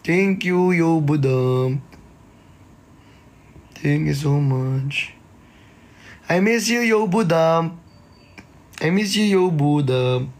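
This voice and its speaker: A man's voice: on the high side, drawn-out words, pauses often, darkish tone. A man hosting a casual live stream, greeting viewers by name and teasing them playfully. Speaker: livestreamer.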